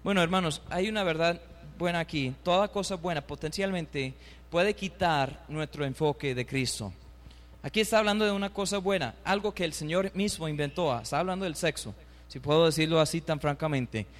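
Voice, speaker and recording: A man preaching a sermon to his congregation. He reads scripture aloud, asks them to repeat after him, and builds fervently into loud, emphatic bursts. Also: on the high side, brisk, in a large hall.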